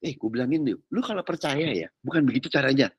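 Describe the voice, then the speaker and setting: A man preaching, teasing and animated in slangy street talk, mimicking people as he goes. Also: mid-range voice, quick pace, breathy edge, no echo, lo-fi sound. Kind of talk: sermon.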